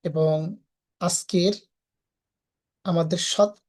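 A woman's voice: fairly low pitch, fairly even intonation, drawn-out words, a little mellow. A woman with a Bangladeshi Bengali accent teaching Sanskrit verse pronunciation in a live class, breaking each verse into syllables and then chanting it whole.

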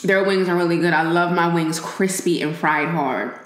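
A woman's voice: lowish voice, fairly even intonation, normal speed. A young woman chatting casually to viewers while eating crunchy fried chicken, humming as she savors it between remarks. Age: young adult. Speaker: mukbang video host. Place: small plain indoor room. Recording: roomy echo, background noise, clicks.

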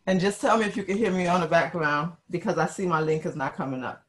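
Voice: medium pitch, fast talker, fairly bright tone. A workshop presenter talking casually and informally on a video call.

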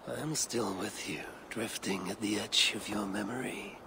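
An actor playing a brooding old god in a video game, gravelly and breathy, speaking solemnly and portentously. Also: male voice, fairly low pitch, moderate pace, background noise. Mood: haunting, solemn. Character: brooding old god Odin, haunting a warrior's memory. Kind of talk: video game cutscene acting.

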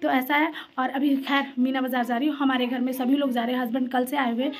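A woman's voice: sits high, flat delivery, fast. A young woman chatting casually to her phone as she films a family trip, playful and teasing. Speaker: vlogger. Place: outdoors at a busy fair. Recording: crowd noise behind. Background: crowd and traffic.

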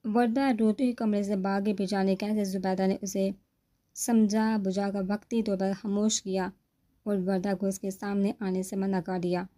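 A woman narrates a romance novel aloud. Her voice is mellow and dark in tone. She keeps a steady, even storytelling pace. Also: medium pitch. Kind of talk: novel reading.

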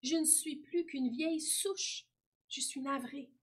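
A woman voicing a tender, self-giving old apple tree in a storybook reading, in a soft, high, gentle way. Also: slow pace. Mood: sorrowful. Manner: pleading, fond storybook reading.

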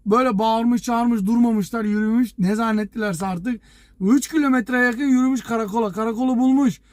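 A truck driver telling a story to his viewers in a casual, lively way, acting out the dialogue and chuckling as he goes. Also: extremely high pitch, a little fast, no echo. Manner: lively anecdote teller, acts out dialogue.

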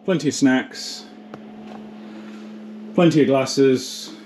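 Slow and a touch mellow, the British man's medium-pitched voice carries a casual running commentary through the pub and down into the cellar. He's the landlord filming a behind-the-scenes vlog, and slight background noise is audible.

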